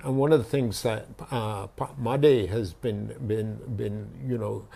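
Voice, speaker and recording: A man with a gravelly, husky voice explains in a halting, reflective way. His tone is dark and relaxed, and he circles back over his own words. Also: lowish voice. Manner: thoughtful, halting, with many restarts and fillers. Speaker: author and guest. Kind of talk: conversational explanation.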